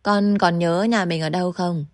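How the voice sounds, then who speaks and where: Sly young woman who mocks her captive and then turns falsely gentle, as a woman reads her in a storybook narration. The voice is low and dry, recorded close. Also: steady tone, moderate pace, no echo, lightly acted. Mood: coaxing. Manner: mocking, teasing, then falsely gentle and coaxing.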